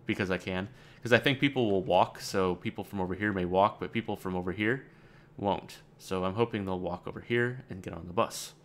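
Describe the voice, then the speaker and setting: Playing a game on camera, a low-voiced man talks briskly with few pauses. His let's-play commentary is casual and meandering, sprinkled with dry, sarcastic jabs.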